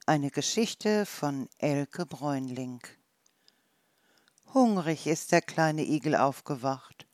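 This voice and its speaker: Slow, gentle storyteller reading. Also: mid-range voice, expressive, no echo, studio quality.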